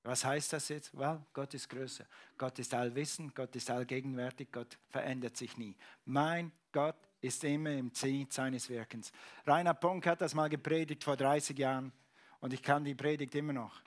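A middle-aged man preaching a sermon as pastor, emphatic, repeating phrases and swinging from loud to hushed. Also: mid-range voice, fairly even intonation, moderate pace.

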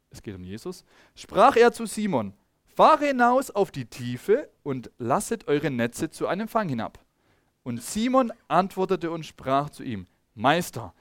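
A man preaching a sermon in a lively, conversational way, calling out to the congregation and sometimes searching his notes. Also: on the high side, dry recording, studio quality. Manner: lively, calls on congregation, loses track of notes.

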